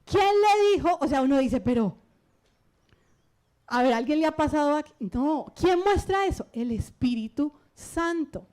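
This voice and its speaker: A middle-aged woman pastor with a Colombian Spanish accent, preaching an animated sermon and putting questions to the congregation. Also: high voice, measured pace. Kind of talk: lively sermon.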